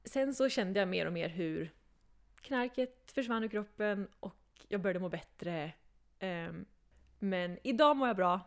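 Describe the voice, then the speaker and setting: A young woman, a podcast guest, telling a personal story in a casual, animated way, often laughing and acting out what people said. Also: medium pitch.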